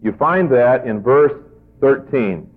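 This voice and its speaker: A man preaching a sermon, teaching slowly and emphatically and drawing out his stressed words. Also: mid-range voice, lively intonation. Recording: tinny phone-like old recording.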